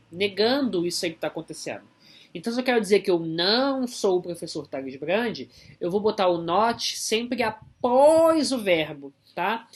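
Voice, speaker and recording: Man, Brazilian Portuguese accent, English teacher, recorded online lesson, patient, explanatory, frequent check-in questions. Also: high voice. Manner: patient, explanatory, checks in often with short tags.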